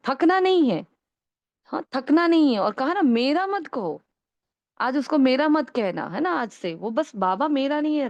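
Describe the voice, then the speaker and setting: A woman's voice: on the high side, no room sound. A woman spiritual teacher giving an earnest, coaxing talk and answering a question, often asking "right?" to check on her listeners.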